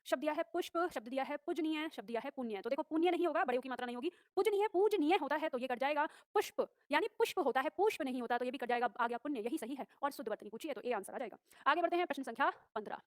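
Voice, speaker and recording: A woman teacher rushing through exam questions and explaining each answer briskly. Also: sits high, expressive, no room sound, studio quality. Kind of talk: exam-prep class.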